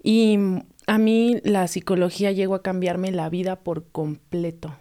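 A young adult woman with a Mexican accent talks casually about coaching skaters. She tells stories with energy, slipping into quoted voices. Her voice sits a little low for a woman. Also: unhurried. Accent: Mexican Spanish. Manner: animated storyteller who acts out quoted voices. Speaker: roller skating coach and club founder. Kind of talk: casual interview talk.

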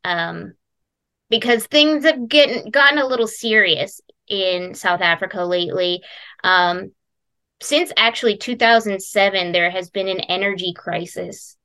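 A woman hosts a relaxed podcast conversation, speaking at an unhurried pace. Her tone is bright and forward, and she pauses often with ums and uhs as she finds her words. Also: medium pitch. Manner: hesitant, many ums and uhs. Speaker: podcast host. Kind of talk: casual podcast chat.

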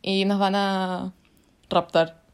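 A woman's voice: medium pitch, flat delivery, takes it slowly, smooth. A young woman with a Chilean accent, co-hosting a casual podcast, telling stories in a chatty, giggly, slangy way. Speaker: podcast co-host. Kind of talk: casual chat, word-guessing game.

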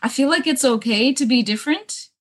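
A young woman with a mixed accent that is hard to place talks in a slightly high voice. Her speech is loose and conversational, full of fillers, and she laughs often as she answers interview questions from her parents' home. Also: brisk, slightly rough. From Middle East (Kuwait). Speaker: interview guest. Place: bungalow room with books at her parents' home.

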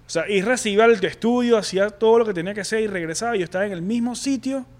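A young man with a Venezuelan accent candidly telling a personal story on a podcast, halting and full of slang. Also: high voice, darkish tone. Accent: Venezuelan Spanish. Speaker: podcast co-host.

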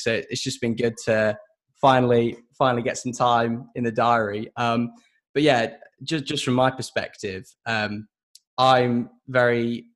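A man in his twenties hosting a finance podcast, with a faded Yorkshire accent, speaking hesitantly with many pauses. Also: mid-range voice, fairly bright tone. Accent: faded Yorkshire, mostly southern English. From Yorkshire, England. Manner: hesitant, many ums and restarts. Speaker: podcast host. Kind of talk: casual interview chat.

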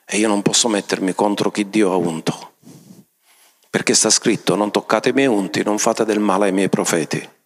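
A remorseful young David speaks in a low, hushed voice, shaken by what he has done, as a preacher acts him out mid-sermon. His words come soft and heavy with regret. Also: steady tone, moderate pace. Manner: hushed, lower and quieter than his preaching. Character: remorseful young man David, stricken with guilt.

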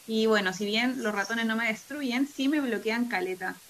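A woman's voice: fairly high pitch, normal speed. A young woman with a Chilean accent, chatting casually as a podcast co-host, full of slang and swearing. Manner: slangy, swears freely, animated storytelling. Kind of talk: casual chat.

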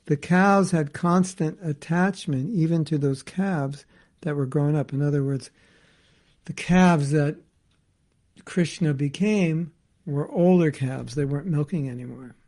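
Gravelly man explaining scripture to a class. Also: on the high side, measured pace, a little mellow. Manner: reads a passage then comments in casual asides. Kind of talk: reading and explaining scripture to a group.

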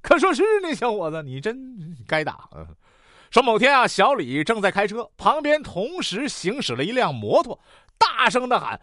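A man's voice: high-pitched, normal speed, dry recording. A man with a Northeastern Mandarin accent telling comic jokes and jumping between character voices. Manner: animated, switches voices, jokey. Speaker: joke teller.

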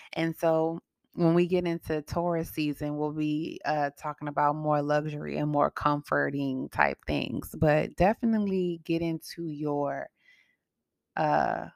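A woman's voice: low voice, a little mellow, no room sound. A woman hosting an astrology podcast in a casual, emphatic way, often repeating her points and answering her own questions.

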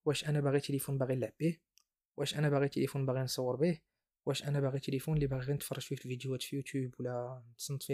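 A man's voice: mid-range voice, warm tone. A man with a Moroccan Arabic accent hosting an informal explainer podcast, mixing French terms into his speech. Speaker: podcast host.

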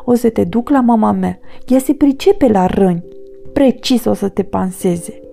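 A woman's voice: vocal fry, mellow, faint music behind. A woman voicing a small, curious boar piglet who whines and cries like a young child. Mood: whiny. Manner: high, pleading, childlike.

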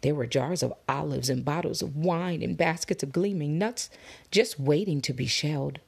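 A woman reading a children's fable aloud, slow and expressive. Her voice is low, gravelly and very husky. She often drops into soft whispers to build suspense. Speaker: storybook reader. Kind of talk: children's story read-aloud.

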